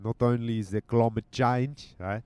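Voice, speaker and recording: A man's voice: mid-range voice, steady tone, moderate pace, a little mellow, clear, resonant tone, no echo. A man hosting his own podcast, chatting casually and teasing in a mock-stern way from inside his car. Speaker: podcast host. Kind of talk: casual rambling monologue while driving. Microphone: handheld mic with headphones.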